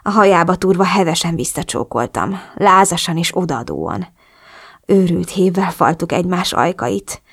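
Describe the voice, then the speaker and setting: A woman narrating a romance audiobook in the first person, expressive and lively. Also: lowish voice, gravelly, husky, dry recording, clean studio sound.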